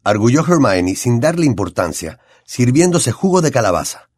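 Expressive Latin American Spanish male narrator. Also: mid-range voice, moderate pace, slightly rough, no echo, studio quality. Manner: expressive storytelling delivery. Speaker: audiobook narrator. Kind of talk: scripted audiobook narration.

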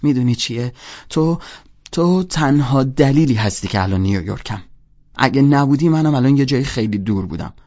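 A man's voice: medium pitch, lively intonation, mellow, lo-fi sound, pitched above the performer's own voice, natural voice. A man voicing a restless, bitter teenage boy in an audiobook, talking in heated rants. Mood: agitated.

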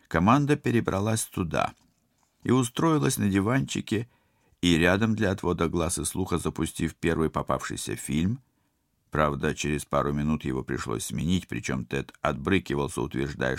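A man reading an audiobook as narrator, steady and even. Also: extremely low pitch, no room sound, studio quality. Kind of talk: scripted narration.

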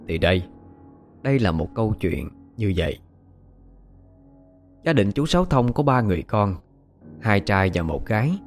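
A man tells a ghost story in a measured, unhurried storytelling voice. His voice sits on the low side, and faint music plays beneath the reading. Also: a little mellow. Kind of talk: storytelling narration.

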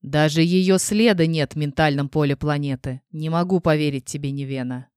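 A woman's voice: darkish tone, dry recording, clean studio sound, lightly acted. Woman growling as a menacing male dragon. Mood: doubtful. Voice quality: low hoarse growl. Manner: threatening, slow and heavy.

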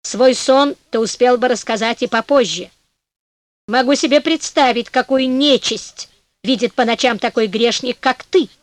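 A woman voicing a pompous, gullible old priest who speaks slowly and solemnly, with reproach, in a storybook. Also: on the high side, no room sound, natural voice.

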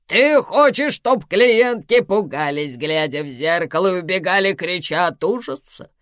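A woman reading an audiobook, voicing a domineering elderly woman of eighty-two who scolds in slow, drawn-out, commanding phrases. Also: low voice, no room sound, studio quality, full character voice. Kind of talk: audiobook character voice.

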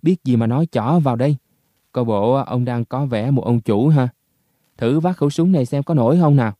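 A man voicing the ghost of a young male soldier, blunt and rough in his talk. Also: medium pitch, fairly quick, mellow, no room sound, lightly acted. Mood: mocking.

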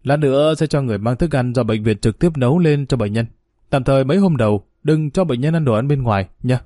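Guy doing a doctor rattling off instructions quick, mellow voice. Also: medium pitch, no room sound, clean studio sound, natural voice. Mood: brisk. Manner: brisk, instructive. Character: brisk male hospital doctor.

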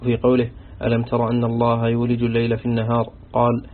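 A man reading aloud from a classical Quran commentary in a steady, scholarly recitation, going through quoted sayings one after another. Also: mid-range voice, very fast. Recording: tinny phone-like audio with faint hiss.

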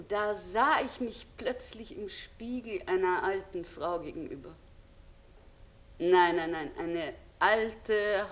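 A high, slow-spoken voice of a forsaken woman on the phone. She drops to near-whispers, then calls out loudly when the line breaks up. The speech sounds like a radio drama. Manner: shifts between hushed murmurs and loud calls into the phone. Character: despairing woman, clinging to her lost lover. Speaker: abandoned lover on the telephone.

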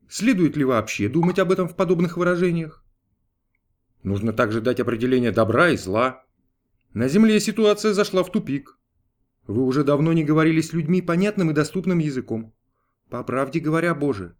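A man voicing a dutiful archangel, formal and polite, holding his patience with his master. The delivery is animated, with a wide, lively pitch, as in a storybook reading. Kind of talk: audiobook character voice.

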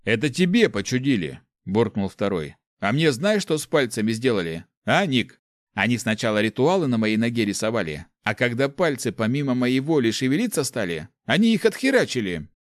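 A man voicing a burly, grumbling lout who complains loudly and indignantly, in an audiobook. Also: mid-range voice, big pitch swings, a little fast, no room sound, clean studio sound, lightly acted.

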